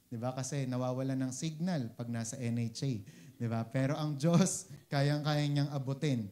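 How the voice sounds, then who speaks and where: A man's voice: mid-range voice, a little mellow. A man with a Filipino accent giving a casual sermon, often asking "di ba?" and switching into English phrases. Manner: conversational, keeps asking "di ba?", mixes English phrases. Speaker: preacher.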